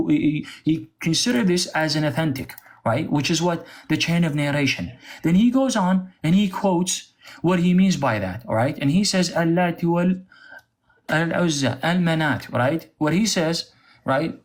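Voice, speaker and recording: A man with an Arabic accent in a heated live religious debate, speaking combatively and pressing points with rhetorical questions. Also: fairly high pitch.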